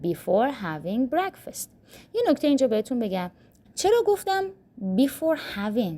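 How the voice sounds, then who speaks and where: A woman from Iran teaching an English lesson with a gravelly, mellow voice. Her pitch moves a lot as she explains step by step. She drags out each example phrase very slowly. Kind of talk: language lesson.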